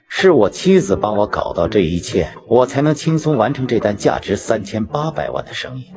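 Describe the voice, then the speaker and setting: A man's voice: lowish voice, darkish tone. A man delivering a scripted first-person story in a cocky, self-assured way, as a gangster recounting his career. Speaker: video narrator speaking as a crime drama gangster.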